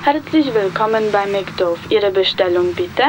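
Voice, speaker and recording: Drive-thru clerk on the intercom speaker, played by a woman, brisk scripted lines, mid pitch. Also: expressive, background noise. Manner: brisk scripted service phrases. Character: female fast-food drive-thru clerk.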